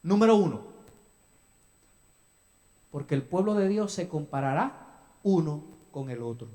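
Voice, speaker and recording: Un pastor predicando con animación. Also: male voice, on the high side, unhurried. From El Salvador. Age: young adult. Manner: animated preaching with dialogue asides to the congregation. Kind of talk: sermon. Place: church sanctuary.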